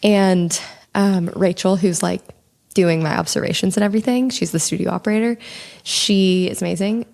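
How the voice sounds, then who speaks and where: A young adult woman co-hosting a casual chat podcast, talking in a calm, relaxed, slightly monotone way with a little vocal fry. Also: medium pitch, normal speed. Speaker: podcast co-host.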